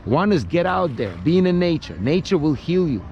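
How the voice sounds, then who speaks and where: Chatting from his paddleboard on the water, a vlogger whose Russian accent carries hints of Brooklyn speaks slowly and thoughtfully, often starting over. His voice runs a little high and very animated, caught on a muffled recording.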